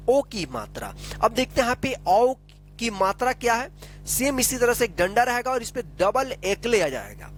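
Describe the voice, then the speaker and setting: A man teaching a lesson, explaining slowly and patiently, often asking a question and then answering it himself. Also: high voice, a little hiss or hum. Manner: repetitive, asks questions and answers them himself; slow, patient explaining with frequent tag questions.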